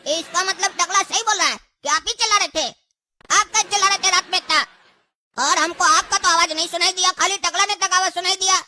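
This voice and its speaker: A woman's voice: brisk, bright, forceful tone, slight background noise. A woman, playing an insulting son woken at night in a comedy sketch. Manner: shrill, insulting.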